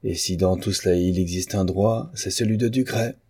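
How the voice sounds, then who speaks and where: A man's voice: low voice, moderate pace, mellow, husky, no echo, clean studio sound. A man voicing an earnest, stern man. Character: earnest principled man, stern yet shaken.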